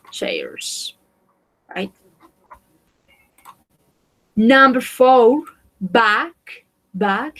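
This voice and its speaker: Una profesora de inglés hispanohablante que da una clase en línea. Repite cada palabra con calma, pasando del inglés al español. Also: female voice, fairly high pitch, poor audio. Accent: Spanish-speaking, Latin American. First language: Spanish. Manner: slow, drawn-out word drilling, repeating each word. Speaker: English teacher. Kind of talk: online language lesson.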